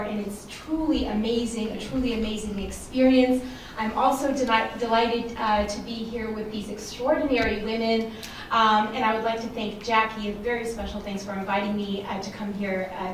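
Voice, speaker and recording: An American woman giving a prepared, earnest speech at a forum, measured with some fillers. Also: on the high side, a little hiss or hum. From United States. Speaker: panel speaker. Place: museum event space. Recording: echoey hall from far off.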